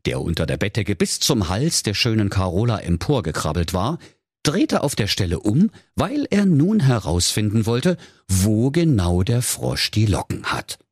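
A man's voice: on the low side, big pitch swings, normal speed, darkish tone, slightly rough, no echo, studio quality. Mock-solemn male fairy-tale narrator. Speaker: storyteller.

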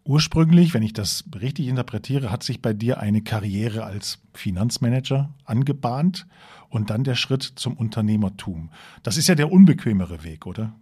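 A man hosting a podcast interview, asking clear, measured questions. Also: mid-range voice, lively intonation, dark tone. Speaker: podcast host.

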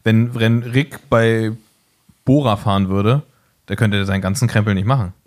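A man co-hosting a podcast, chatting in a relaxed, agreeable way and tagging his points with questions. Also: fairly low pitch, moderate pace. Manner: relaxed, agreeable, tags sentences with "ne?". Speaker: co-host. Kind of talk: casual podcast chat.

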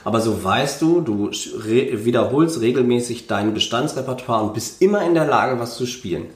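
A man's voice: mid-range voice, expressive, normal speed. A man hosting a casual podcast, explaining and giving advice as a music teacher. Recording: roomy sound.

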